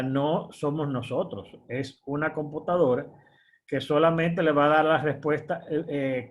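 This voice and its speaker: Man explaining a screen-share tutorial. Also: fairly high pitch. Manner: explanatory, repeats himself with fillers and "verdad?". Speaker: online course instructor.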